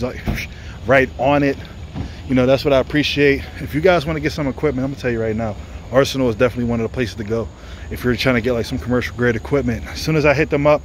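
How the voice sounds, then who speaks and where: In a casual gym vlog, a thirty-something man with a medium-pitched voice describes his workout loosely, often correcting himself. He films on a phone camera, first propped up inside the gym, then held at arm's length outdoors near trees, with faint background noise.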